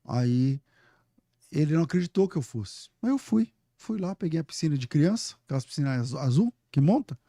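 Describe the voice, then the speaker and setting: Pastor brasileiro animado contando histórias, voz escura em som seco. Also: male voice, on the high side, brisk, no echo, studio quality. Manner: animated, laughing storyteller who quotes himself. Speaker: pastor, podcast guest. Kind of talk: casual podcast storytelling.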